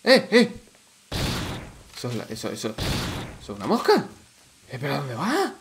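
A man with a Canary Islands Spanish accent giving casual, excitable commentary while playing a horror game, swearing and shouting at the enemies. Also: medium pitch, normal speed, background noise. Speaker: let's play gamer.

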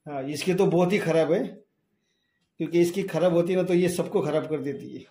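A man in his thirties teases his wife on camera, repeating himself with playful mockery. His voice sits a little higher than usual for a man. The room is echoey, with a faint hiss underneath. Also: a little fast, mellow. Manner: teasing, repeats himself mockingly. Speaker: vlogger's husband. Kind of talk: teasing banter. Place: home.

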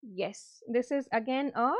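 A woman's voice: fairly high pitch, a little slow. A woman with a North Indian accent teaching a live online quiz, instructive, repeating her points and checking in with students. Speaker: medical exam teacher hosting a live quiz. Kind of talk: interactive online lecture mixing English and Hindi.

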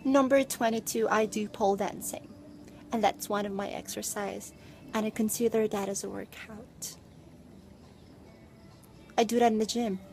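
A young Filipina vlogger films herself outdoors among trees, holding her phone at arm's length with earphones, playfully chatting through a list of facts about herself with teasing asides and giggles. Her medium-pitched voice is a little mellow and creaky, with fairly even intonation, a moderate pace, and frequent pauses. Faint music plays behind her.

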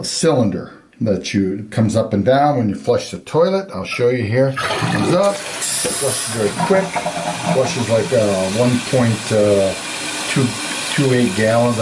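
Older plumber, plain-spoken and halting. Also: male voice, fairly low pitch, darkish tone, a little hiss or hum. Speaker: master plumber. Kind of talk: casual how-to demonstration. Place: home bathroom.

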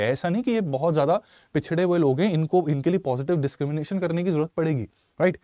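A man in his thirties from Punjab teaching a live online exam-prep lecture in a studio, animated and mixing Hindi and English while asking viewers questions. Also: a little high, no room sound. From Punjab, India. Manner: animated, switches between Hindi and English, asks viewers questions, gestures a lot. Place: studio in front of a slide screen. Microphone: lapel mic.

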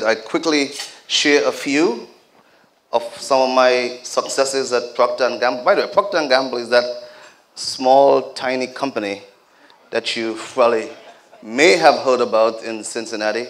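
A former leader of the group, this man addresses a community celebration in a mid-range voice at a moderate pace. He talks straight to the audience, slips in humorous asides, and his exhortations take on a preacher-like cadence.

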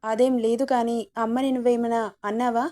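A woman's voice: a little high, level tone, a little fast, dark tone, lightly acted. A woman voicing a caring, playful young husband in a storybook reading.

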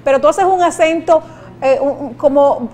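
A woman's voice: high voice, moderate pace, dark tone. A woman interviewing a guest, asking curious, chatty questions. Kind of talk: casual interview talk.

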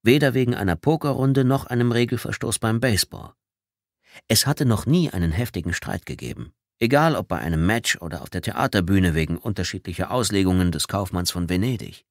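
A man reading a novel aloud as an audiobook, with measured, dramatic storytelling. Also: fairly low pitch, dry recording, clean studio sound. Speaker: audiobook reader. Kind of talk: scripted audiobook narration. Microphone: studio microphone.

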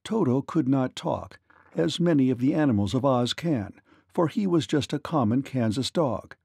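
A man narrating a children's read-along storybook in an expressive, lilting manner. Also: medium pitch, normal speed, vocal fry, breathy edge, dry recording, clean studio sound.

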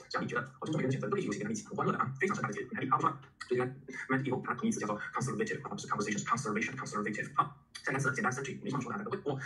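Fast-talking, bright-voiced male teacher. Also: mid-range voice, poor audio. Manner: animated, chatty, spells words aloud letter by letter. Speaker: English vocabulary teacher. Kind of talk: lively classroom lecture.

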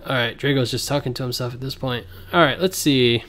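Male streamer, mid-pitched, easygoing muttered play-by-play over a headset mic, livestream audio. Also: fairly quick, fairly bright tone, slight background noise. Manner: thinks aloud, reads card text, chats with viewers. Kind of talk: casual gameplay commentary.

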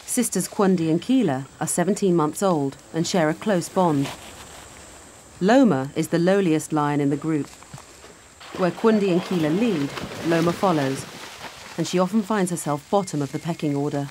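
A woman reading scripted documentary narration in a measured, steady way. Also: low voice, a little hiss or hum.

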